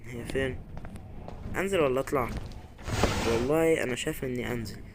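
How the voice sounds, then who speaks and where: Jittery Egyptian man gaming, loud noise behind. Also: mid-range voice, fast talker. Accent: Egyptian Arabic. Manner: jittery, muttering prayers, sudden scared yelps. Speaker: gaming YouTuber. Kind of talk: horror game commentary.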